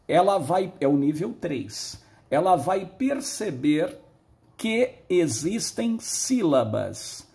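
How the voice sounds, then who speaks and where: A man's voice: a little high, vocal fry, dark tone. A male teacher giving a patient, explanatory lesson and drawing out words when he models them. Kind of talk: recorded lesson on early literacy.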